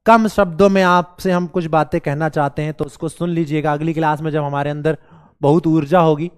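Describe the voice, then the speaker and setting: सर्दी से बैठे गले और खांसी वाला एक पुरुष शिक्षक, बिहारी लहजे में ऑनलाइन क्लास लेता है, बच्चों को मज़ाकिया ढंग से मनाता और सवाल बार-बार दोहराता है।. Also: male voice, a little high, fairly even intonation, fairly quick, clean tone. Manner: playful, coaxing, repeats questions to the class. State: hoarse with a cold, coughing. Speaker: teacher. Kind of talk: live online class.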